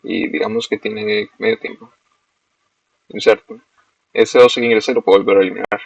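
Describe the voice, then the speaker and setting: A young man, a student walking through a screen-recorded software demo step by step and correcting himself as he goes. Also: on the low side, steady tone, moderate pace, gravelly, no echo. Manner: explains step by step, self-corrects. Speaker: student presenting a project. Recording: dull, lo-fi dry recording.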